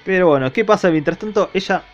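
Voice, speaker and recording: A young Argentine man with a high voice talks through a manga review in a loose, irreverent way. He is slangy and swears freely. The recording sounds dull and lo-fi. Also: fast, faint music behind. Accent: Argentine Spanish. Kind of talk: casual spoken review.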